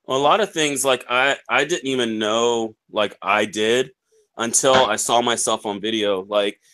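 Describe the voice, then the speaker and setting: A man's voice: medium pitch, unhurried, fairly bright tone, clean tone. Man, earnest youtuber, rambling casual talk, video call. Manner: earnest, rambling, self-conscious. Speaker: YouTuber guest on a panel. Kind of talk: casual chat.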